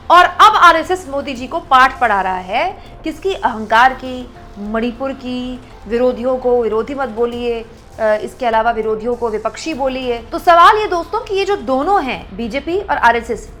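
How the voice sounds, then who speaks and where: A woman's voice: sits high, fairly bright tone. A woman giving political commentary straight to her viewers, pressing one rhetorical question after another. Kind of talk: direct-to-camera political commentary.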